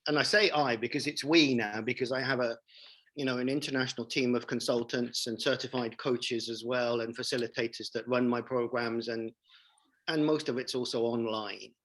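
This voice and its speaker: A man's voice: mid-range voice, steady tone, normal speed, fairly bright tone, poor audio. A man in his forties, a leadership coach telling his story as an interview guest, emphatic and enthusiastic, repeating phrases for emphasis.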